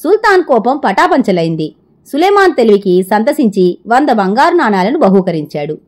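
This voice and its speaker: A woman storyteller reads a folk tale aloud, her high voice swinging in lively arcs. Her narrating has a bright, animated lilt. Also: normal speed. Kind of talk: reading folk tales aloud.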